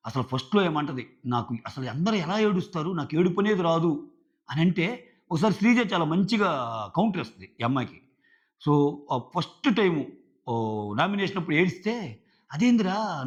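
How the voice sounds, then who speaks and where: A man giving casual commentary on a reality show episode, acting out the contestants' lines as he goes. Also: a little high. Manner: animated, mimics contestants' lines. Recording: dull lo-fi audio.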